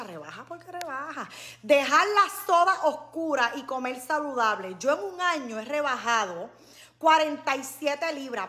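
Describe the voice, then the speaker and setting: A woman hosting a casual live stream, chatting lively with her viewers and calling them nena. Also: sits high.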